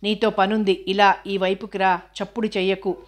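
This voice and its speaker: A woman voicing a brusque male master of the house who gives curt, hushed commands. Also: medium pitch, level tone, normal speed, close to an everyday voice. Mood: urgent, hushed.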